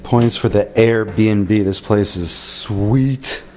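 A man's voice: on the low side, extremely slow. A man in his thirties vlogging casually to a handheld camera, joking and crude. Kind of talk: casual vlog chat. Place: car, shops and rental home. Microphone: handheld action camera. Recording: loud background noise.

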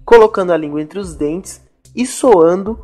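A man hosting a pronunciation lesson, explaining slowly and repeating words. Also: high voice, a little mellow, faint music behind. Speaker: English teacher and channel host.

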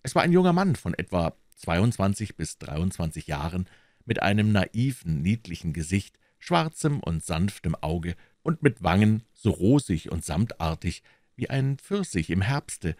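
A man reading a classic novel aloud as a narrator, calm and measured. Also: sits low, no echo, studio quality. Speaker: audiobook narrator.

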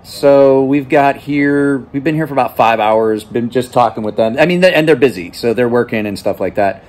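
An exhausted knife channel host, a man in his 40s, rambles through a casual vlog in a shop, filming on a phone held at arm's length. He starts in a small cluttered office, then moves to a large workshop. His voice is medium-pitched with a darkish tone and a moderate pace.

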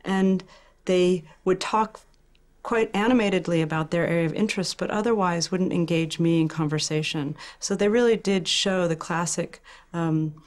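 A woman's voice: on the low side, normal speed. Patient middle-aged woman researcher. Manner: patient, gentle questioning. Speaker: researcher testing twins. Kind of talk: clinical interview.

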